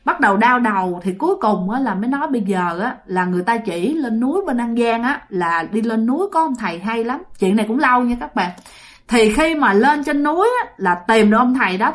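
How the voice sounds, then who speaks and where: A woman's voice: a little high, expressive, brisk. A woman telling a ghost story in a chatty way, speaking directly to listeners. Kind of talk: casual spoken ghost story.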